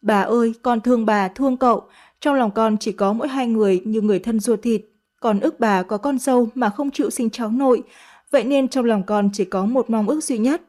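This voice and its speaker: A woman's voice: a little high, brisk, a little mellow, lightly acted. A woman voicing a fawning teenage servant girl who sweet-talks in a coaxing, sugary way. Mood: pleading.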